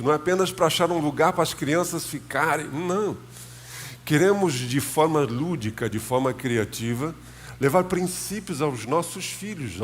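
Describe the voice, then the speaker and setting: A man's voice: mid-range voice, a little hiss or hum. A man with a Brazilian Portuguese accent, a pastor giving a sermon in a church, talking conversationally and addressing the congregation directly. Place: church sanctuary.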